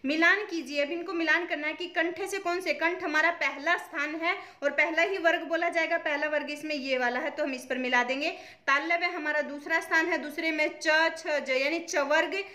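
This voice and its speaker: A woman's voice: high voice, fairly even intonation, moderate pace, hardly any pauses, pushed and bright. A woman teaching an exam-prep grammar lesson, explaining step by step by asking questions and answering them herself. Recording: echoey room.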